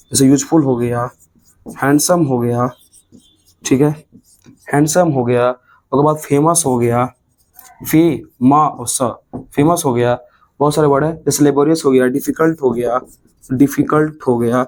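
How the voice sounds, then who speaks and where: A man's voice: mid-range voice, a little mellow. Bihari Hindi-accented male teacher, mid-range voice, drills grammar rules at a classroom board. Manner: repetitive, drills points, stretches words syllable by syllable.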